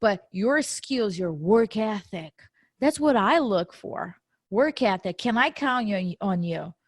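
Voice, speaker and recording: This is a medium-pitched woman speaking slowly, a podcast co-host with a non-native English accent in casual chat. Lively and quick to laugh, she teases herself over grammar mistakes. The sound is clean studio audio with no room sound.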